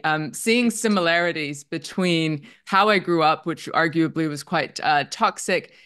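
A Dutch-born psychotherapist in her forties, with a slight Canadian accent, openly shares her life story as a guest on a video call. Her voice is fairly low, fairly bright and clean, and she is reflective, using fillers like "um" and "like."

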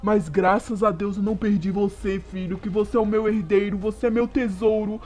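A man's voice: high voice, steady tone, a little fast, soft background music, natural voice. A man voicing a fierce, grieving father T. rex. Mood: wailing grief. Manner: loud, impassioned and wailing. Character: protective father sword Tyrannosaurus, grieving and fierce.

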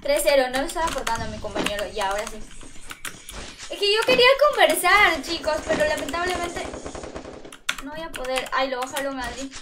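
Excitable high-voiced woman streamer. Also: normal speed, noisy background. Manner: chatty, excitable, greets viewers by name. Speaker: gaming streamer. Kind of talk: live-stream chat while gaming. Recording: distant mic under loud game music.

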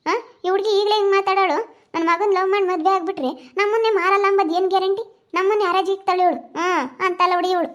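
A woman playing a sharp-tongued village mother with a rural Chitradurga Kannada accent, scolding in a rapid, shrill way. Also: steady tone. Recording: muffled lo-fi recording.

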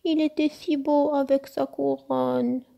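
A woman's voice: high voice, level tone, slow, vocal fry, mellow, pitched above the performer's own voice, full character voice. A woman voicing a cheerful, carefree little girl who speaks eagerly in a storybook.

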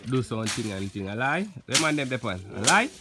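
A young man with a Jamaican accent chatting excitedly to a phone camera in an outdoor yard as he hosts a cooking vlog. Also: mid-range voice, a little fast, music in the background. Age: young adult. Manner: excited, loud patois banter to camera. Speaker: vlogger. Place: outdoor yard among banana trees. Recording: loud outdoor background noise.

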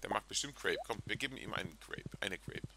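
A chatty, excitable man hosting a video game let's play and talking casually to his viewers. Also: on the low side, fairly quick, creaky, very noisy. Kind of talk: casual gameplay commentary. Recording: game music in background.

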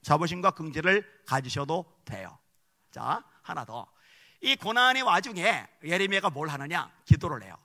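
A pastor preaching a sermon, moving between quiet storytelling and shouted exhortation. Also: male voice, on the high side, very animated, moderate pace. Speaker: guest pastor. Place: church sanctuary. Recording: long church hall reverb.

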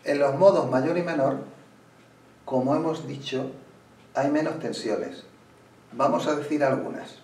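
A man teaching flamenco guitar, explaining slowly and pausing as he plays, sometimes restarting a phrase. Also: on the high side, a little mellow. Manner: unhurried, pauses while playing, restarts phrases. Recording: roomy room, mic at a distance. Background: guitar playing.

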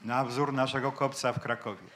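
A man's voice: mid-range voice, fairly even intonation, fairly quick, noisy background. A man speaking as a linguist on a panel debate, explaining points to an audience in a lecturing way. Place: event hall with an audience.

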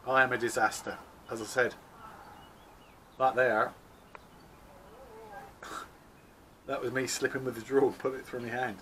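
A man's voice: medium pitch, little pitch movement, measured pace, pauses often, pushed and bright, a little hiss or hum. A man, chatting casually to a handheld camera at an allotment garden, joking about himself. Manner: chatty, self-mocking, laughs at himself. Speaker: allotment vlogger. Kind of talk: casual vlog chat. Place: outdoor allotment garden, by a shed. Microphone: handheld camera close to face.

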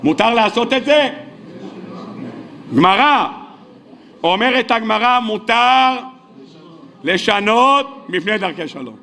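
A man's voice: sits high, animated, long pauses, sharp tone. A male rabbi gives a sermon. He tells stories animatedly, acts out the dialogue and puts questions to his listeners. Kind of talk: sermon with storytelling. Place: weekly sermon hall.

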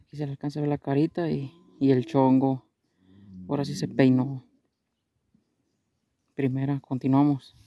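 A man's voice: mid-range voice, monotone, moderate pace, pauses often, lo-fi sound, noisy background. A man narrating his metal detecting outing outdoors in a casual, chatty way, calling his viewers companions and using lots of fillers. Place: outdoors in a rural field.

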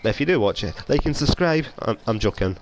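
This Scottish gaming YouTuber, young and nursing a cold, sounds animated and quick in a mid-range voice as he rambles self-deprecatingly through a video game. The casual commentary comes through a console headset mic, and the audio is poor, with a bit of hiss or hum.

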